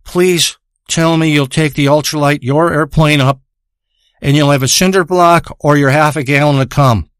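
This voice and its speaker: A man voicing a bitter, jilted man who keeps pleading for revenge in a low, gruff voice. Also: steady tone, normal speed, a bit bright, dry recording, clean studio sound, lightly acted.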